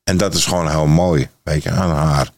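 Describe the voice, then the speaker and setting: A man's voice: very deep voice, fairly even intonation, normal speed, dry recording, clean studio sound. A man with a broad Amsterdam Dutch accent, chatting casually and candidly as a guest.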